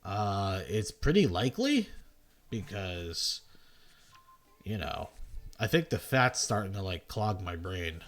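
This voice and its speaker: A man with a somewhat low voice talks through his own card-game matches in loose, casual commentary. He pokes fun at his own mistakes and swears freely. Faint music plays underneath. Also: big pitch swings, slow pace, pauses often. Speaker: gaming content creator.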